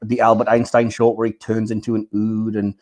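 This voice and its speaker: A man's voice: fairly low pitch, completely flat delivery, a little fast, a little mellow. A man hosting a podcast in casual chat, steering the segments with plenty of ums and hesitations. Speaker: host.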